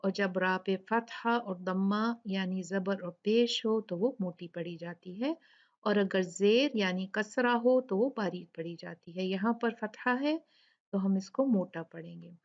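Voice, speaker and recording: A woman gives a recitation lesson at a very unhurried pace. She explains each rule and then draws out the recited words one by one. The recording sounds dull and lo-fi. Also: medium pitch. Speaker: Quran recitation teacher. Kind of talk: tajweed lesson with slow demonstration recitation.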